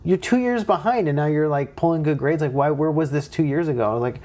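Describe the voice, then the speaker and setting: A young man from California, with a slightly high voice and a fast delivery, recounts stories from his past as a guest in a casual interview. He animatedly acts out what others said to him, using raised voices for the quotes.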